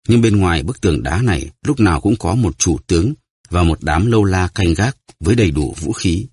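A man narrating an audiobook in a steady storytelling way. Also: low-pitched, breathy edge, dry recording.

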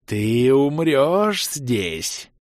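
A menacing undead woman of ice and blood, voiced by a male audiobook narrator. Her voice scrapes and grates, and she lingers over every word in slow proclamations. The recording is dry and close. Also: medium pitch, sing-song, no echo. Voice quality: grating, scraping. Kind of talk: audiobook character reading.

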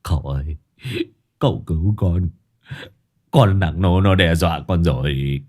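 A man doing a coarse, foul-mouthed young lout, low and rough, blustering one moment and whimpering the next, with a swinging tone, for a storybook reading. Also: animated, quick pace, darkish tone, exaggerated voice. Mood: whining. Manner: coarse, swearing, grumbling. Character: gruff loutish young man, cowardly bully.

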